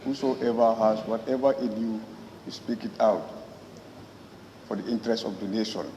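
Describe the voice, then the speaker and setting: A man with a Gambian accent, a member of parliament, gives a parliament speech in deliberate, halting phrases. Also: fairly low pitch, mellow. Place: large parliament chamber. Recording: echoey hall, muffled, faint noise.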